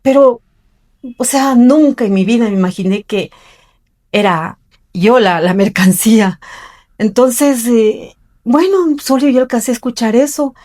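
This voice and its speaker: A woman's voice: on the high side, animated, a little slow, warm tone. Earnest woman telling a story. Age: middle-aged. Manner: earnest, acts out the voices of people in her story. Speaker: interviewee. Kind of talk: personal storytelling.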